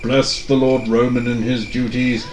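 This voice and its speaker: A man plays a dark cleric in a tabletop game, solemnly intoning prayers. The voice drops low and incantatory. The room echoes and there is clear noise on the recording. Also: little pitch movement, measured pace, close to an everyday voice.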